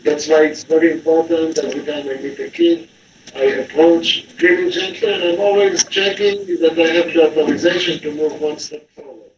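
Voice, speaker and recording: A man speaking gently and patiently, explaining his approach in a clip played during a meeting. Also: on the high side, fairly quick. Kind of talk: explanatory talk in a played video. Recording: muffled distant roomy clip with faint noise.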